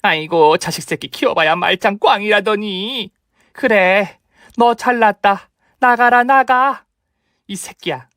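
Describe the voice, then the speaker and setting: A man's voice: fairly high pitch, moderate pace, no room sound, studio quality, close to an everyday voice. A man voicing a snobbish, bossy older mother-in-law who talks down to everyone in a dramatized story reading. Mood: scornful. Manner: scolding, contemptuous.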